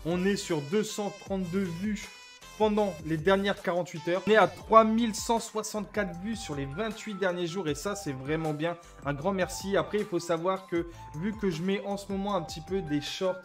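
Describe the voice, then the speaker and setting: A guy with a higher-pitched voice vlogs over music, speaking informally and calling his viewers mates. He's a small YouTuber chatting casually with subscribers and commenting on his channel stats.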